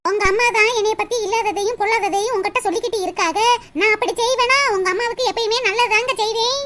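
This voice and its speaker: A woman voicing a defiant, sharp-tongued young wife in a cartoon, talking back sarcastically with a southern Tamil accent. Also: extremely high pitch, fast. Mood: snapping. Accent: southern Tamil (Tirunelveli). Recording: loud background noise.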